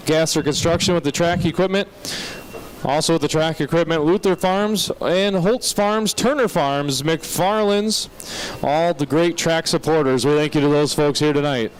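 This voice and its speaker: A man's voice: fairly high pitch, moderate pace. An American man giving folksy, explanatory live commentary as a tractor pull announcer outdoors. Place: outdoor motorsport track. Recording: noisy outdoor event, vehicle engines.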